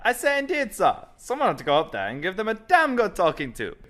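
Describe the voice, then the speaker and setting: A plucky young apprentice, played by a man, high and bright in voice. He is deferential and exclamatory, his pitch leaping about in comic radio drama fashion. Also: wildly swooping pitch, fairly quick, full character voice. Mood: agreeable. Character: eager, brave, deferential young male apprentice.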